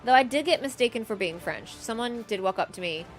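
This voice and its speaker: A woman's voice: a little high, animated, fairly quick, faint music behind. A woman streaming a game live, chatting casually, reading chat aloud and laughing often.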